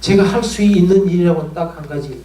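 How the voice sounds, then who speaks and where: A man preaches a sermon, telling an emotional story and piling up pleading rhetorical questions. His voice sits high for a man. The sound is roomy and a bit distant, with a faint room ambience behind him. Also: brisk, dark tone, a little hiss or hum. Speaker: pastor.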